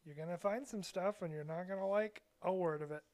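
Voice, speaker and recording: A man's voice: high-pitched, a little fast, darkish tone. A man co-hosting a podcast, chatting casually and making dry, joking remarks about a film. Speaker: podcast co-host. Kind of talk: casual chat while watching a movie.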